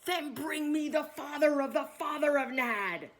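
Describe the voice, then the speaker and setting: A woman's voice: mid-range voice, sing-song, slow, a bit bright, slight background noise. A woman voicing a commanding, blustering king in a children's storybook, with emphatic, projected delivery. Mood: exasperated, commanding. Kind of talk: children's storybook read aloud.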